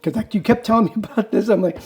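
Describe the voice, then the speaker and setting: A man's voice: sits high, fast talker. A man tasting food with his partner in a casual chat, candid and wary of new foods. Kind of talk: casual taste-test chat.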